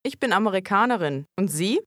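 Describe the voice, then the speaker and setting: A woman modeling phrases for a language course with slow, careful enunciation. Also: mid-range voice, expressive, fairly bright tone, no room sound, clean studio sound. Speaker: native-speaker model voice. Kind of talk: slow demonstration speech.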